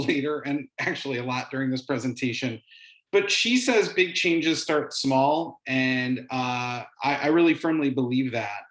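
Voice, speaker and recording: Middle-aged man, halting, in an echoey room. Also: medium pitch. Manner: hesitant, halting phrasing with frequent pauses. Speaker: instructional coach and webinar presenter. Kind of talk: informal presentation. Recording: roomy, echoing sound.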